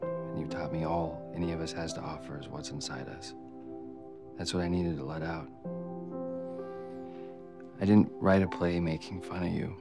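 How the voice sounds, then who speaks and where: Here the actor, a man in his thirties, portrays an earnest young playwright professing love at a coffee-shop microphone, with film music running beneath. His low voice stays level with little pitch movement, moving at normal speed with long pauses, and the feeling comes across as heartfelt.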